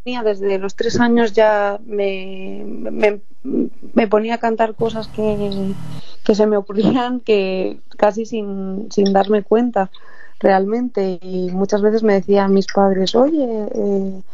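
A woman's voice: mid-range voice, fairly even intonation, takes it slowly, dark tone, dry recording. A young woman from Madrid, a singer-songwriter, answering interview questions in a thoughtful, hesitant way with a Madrid Spanish accent. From Madrid, Spain. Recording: dull lo-fi dry sound.

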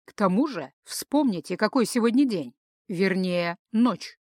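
A woman voicing a deliberate male companion in a fantasy audiobook, weighing each word. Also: mid-range voice, expressive, darkish tone, no room sound, studio quality. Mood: measured.

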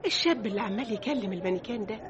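A woman playing a rapid-fire impatient passerby. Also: mid-range voice, lo-fi sound, crowd noise, natural voice. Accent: Egyptian Arabic. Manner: brisk, scolding. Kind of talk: 1960s Egyptian radio drama acting.

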